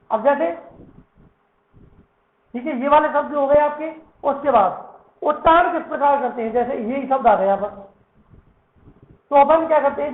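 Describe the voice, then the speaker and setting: A male Sanskrit teacher giving a lesson, who keeps asking questions and answering them himself, and repeats words to drill their pronunciation. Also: extremely high pitch. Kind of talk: classroom lesson. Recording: echoey room, tinny phone-like sound.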